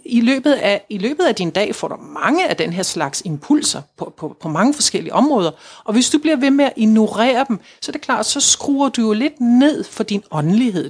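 A woman's voice: medium pitch, breathy edge. A woman talking casually about spirituality, earnest and coaxing, repeating her points and acting out inner voices. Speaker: spiritual guide.

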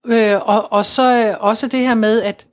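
A woman's voice: a little high, steady tone. A woman talking casually about spirituality, earnest and coaxing, repeating her points and acting out inner voices. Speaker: spiritual guide.

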